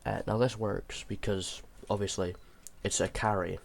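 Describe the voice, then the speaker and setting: Sick, low-voiced man with gravelly creak. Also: flat delivery, normal speed. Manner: hesitant, thinking aloud as he explains. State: sick, sounding unwell. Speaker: video creator explaining a game build. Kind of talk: informal tutorial commentary over gameplay. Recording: clear background noise, mouse and keyboard clicks.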